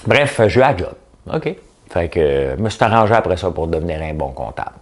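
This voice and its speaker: Deep-voiced joking Québécois man. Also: sing-song, brisk. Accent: Québécois French. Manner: folksy, joking, rambling asides with "hein?". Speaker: commentary podcast host. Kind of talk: casual morning commentary.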